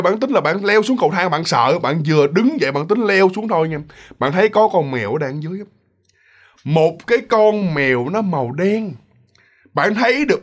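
A man telling a ghost story and talking straight to his listeners. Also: high-pitched. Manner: animated, talks straight to listeners. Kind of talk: spoken ghost story narration.

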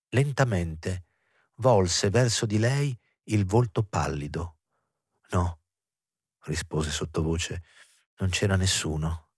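A man narrates a literary novel in a measured, expressive reading. His voice is low and husky, and the recording is dry and close with no room around it. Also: dry recording. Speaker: audiobook reader.

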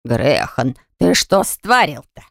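A woman's voice: sits low, big pitch swings, slow, gravelly, a bit bright, no room sound, clean studio sound, voice pushed down, exaggerated voice. A woman voicing a fussy male household servant who laments and hesitates in a storybook reading. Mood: worried.

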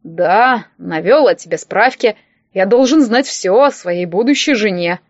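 A woman reading an audiobook and voicing a blunt, bossy older rich man who gives gruff, mocking orders. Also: mid-range voice, expressive, measured pace, no room sound, muffled recording.

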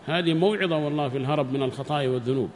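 Male teacher, slightly raised pitch, emphatic, repetitive, lesson recorded with long echo. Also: rapid-fire. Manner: emphatic, repeats phrases, asks rhetorical questions. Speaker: religious teacher. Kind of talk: religious lesson commentary. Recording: long reverb with faint background noise.

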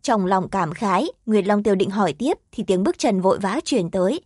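Woman narrator for a fantasy audiobook; steady, mid-pitched, dry. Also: a little fast, slightly rough, dry recording.

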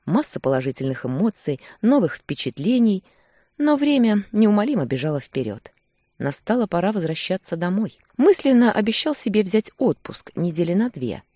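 A woman narrating an audiobook in an expressive first-person voice. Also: lowish voice, husky, dry recording, studio quality. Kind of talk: scripted narration.

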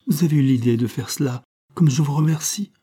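A man voicing a dutiful, tender seventeen-year-old girl in a storybook reading, giving soft, earnest replies. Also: mid-range voice, animated, normal speed, husky.

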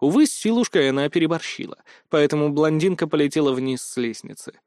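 A man reading first-person audiobook narration with brisk, wry storytelling. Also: on the high side, expressive, darkish tone, no room sound, studio quality.

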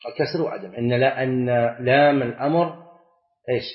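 A middle-aged man, teaching a class, reciting verses slowly and quizzing students with short questions. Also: mid-range voice. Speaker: Islamic scholar teaching a class. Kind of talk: classroom lecture on Arabic grammar and scripture. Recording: echoey, dull lecture-hall recording.

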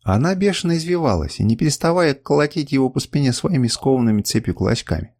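A man reading a novel aloud as an audiobook narrator, expressive and dramatic. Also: medium pitch, fast talker, dry recording, studio quality. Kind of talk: scripted narration.

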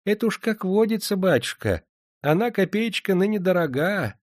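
Brief: sly old moneylender woman, voiced by a man, honeyed and high, very animated. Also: moderate pace, no echo, clean studio sound. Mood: sugary, wheedling. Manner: honeyed, wheedling.

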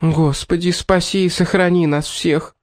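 A man voicing a shrill, panicky woman cook who grows indignant easily. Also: normal speed, lightly acted.

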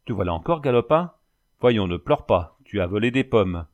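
A man's voice: fairly low pitch, expressive, moderate pace, highs cut off, close to an everyday voice. A man voicing a stern, officious court president who questions the accused. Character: stern, nervous older male court president.

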